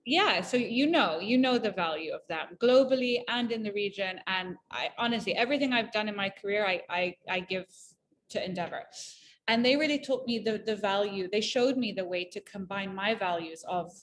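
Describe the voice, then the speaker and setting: At a moderate pace and mid-range pitch, a Malawian entrepreneur in her thirties chats away as an interview guest, lively and talkative, frequently using fillers and starting over. A little hiss or hum runs through the audio.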